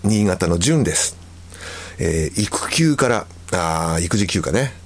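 A man hosting a radio show, reading listener letters aloud and chatting about them in a relaxed way with frequent chuckles. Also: deep voice, measured pace. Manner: relaxed, chuckles often, comments between letters. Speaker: musician.

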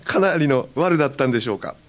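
A man's voice: mid-range voice, animated, fast. A man hosting a radio show in a casual chat, reading listener letters with frequent chuckles and fillers. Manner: chuckling, filler-heavy, trailing off softly. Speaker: radio host.

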